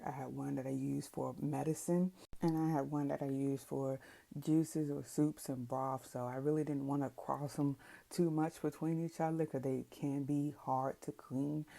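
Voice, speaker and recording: A woman's voice: extremely low pitch, gravelly, dark tone. A woman talking casually as a vlogger, explaining and recommending things in a conversational way. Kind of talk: casual product recommendation vlog.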